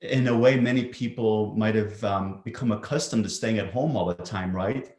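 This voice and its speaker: A male psychiatrist answering interview questions thoughtfully, often pausing with ums and restarting sentences. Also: fairly low pitch, a little mellow. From Greece. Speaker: psychiatrist guest. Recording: roomy echo.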